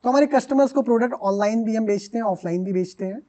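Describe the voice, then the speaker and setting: In a podcast studio, a man who co-founded a startup responds to interview questions with steady explanations peppered with English business jargon. He speaks fast in a high voice.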